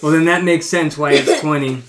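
A man's voice: fairly high pitch, steady tone, moderate pace, a loud crowd. A man hosting a casual live stream, talking hesitantly with lots of ums and restarts as he runs a sale. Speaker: live stream host selling coins.

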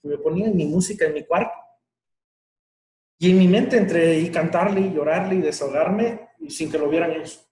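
A Mexican man with a notably high voice talks to a group in a loose, colloquial way, with bits of laughter in between. He is picked up from a distance, and the room around him rings with echo. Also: normal speed, dark tone. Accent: Mexican Spanish. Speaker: workshop leader. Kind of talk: casual group talk. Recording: echoey room, distant mic.

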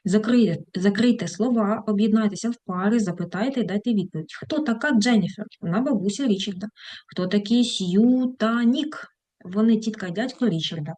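A woman's voice: medium pitch, a little fast, warm tone. A woman teacher giving an online English lesson, reading textbook lines aloud and translating them, with fond little asides to her students. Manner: affectionate diminutives to students.

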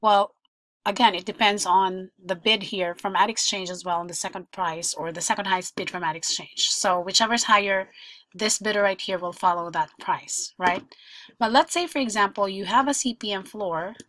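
A woman's voice: medium pitch, fairly bright tone, dry recording. A woman presenting a screen-share tutorial, talking through each example step by step in an explanatory way.

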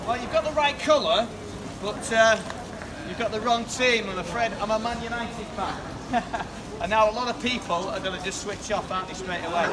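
High-voiced man preaching on a wet street. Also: normal speed. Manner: chatty, questions passers-by directly. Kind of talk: open-air street preaching. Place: rainy town-centre pedestrian street, outdoors. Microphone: far camera across the street. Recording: distant street recording with loud outdoor noise.

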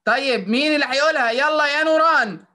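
A woman's voice: high-pitched, fast, sharp tone. A woman with an Egyptian accent teaching phonics to children over a video call, coaxing and praising them and mixing in English words. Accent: Egyptian Arabic. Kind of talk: online class drilling children.

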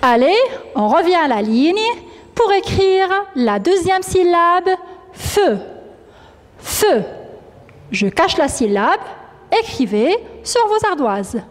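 A woman teacher giving a dictation to young pupils, slowly repeating each word and syllable. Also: very high-pitched, big pitch swings, long reverb tail. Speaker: primary school teacher. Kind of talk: classroom dictation lesson.

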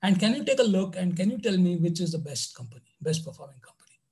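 A high-pitched man teaches an online math class. He keeps it loose and conversational, dropping "you know" between points. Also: big pitch swings, fast, dark tone, poor audio. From India. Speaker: lecturer.

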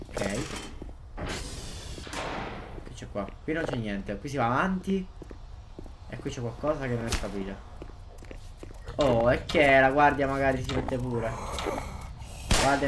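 A man, giving excitable gameplay commentary and often repeating his exclamations. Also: mid-range voice. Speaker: gaming youtuber. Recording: loud background noise.

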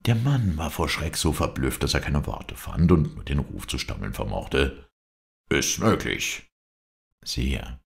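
A man's voice: extremely low pitch, sing-song, normal speed, creaky. A man reading an adventure novel aloud as an audiobook narrator, with dramatic intonation. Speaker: audiobook reader.

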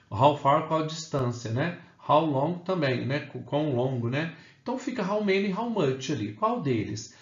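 A male English teacher talks learners through question words, step by step, stopping often to check they follow. His voice sits in the middle of the range. The room is echoey and the sound a bit dull. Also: medium pitch. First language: Portuguese. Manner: explains step by step, often adds "né?" and "ok?". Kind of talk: classroom grammar lesson.

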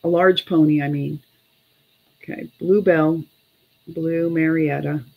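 A woman's voice: sits low, fairly even intonation, creaky, slightly rough, narrow, tinny audio. A middle-aged woman hosting a casual live online sale as an informal auctioneer, chatting between bids and prices in a small room at home. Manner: unhurried, with pauses. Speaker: online auction host selling vintage glass.

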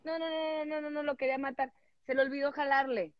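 A woman's voice: high voice, flat delivery, quick pace, dry recording. Woman in her forties, livestream host, candid and chatty, recorded on a dull, dry phone. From Mexico. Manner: candid, laughing, storytelling. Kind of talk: casual chat.

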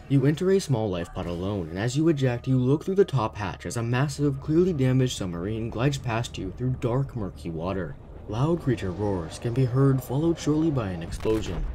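A man's voice: medium pitch, slight background noise. Young man narrating a gaming video essay. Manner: steady, explanatory, speculative. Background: faint background music.

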